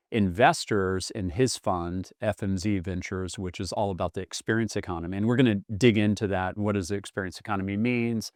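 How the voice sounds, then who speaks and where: A man's voice: on the low side, dry recording, clean studio sound. A man in his fifties, hosting a casual podcast interview in an enthusiastic, effusive way. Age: 50s. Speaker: podcast host.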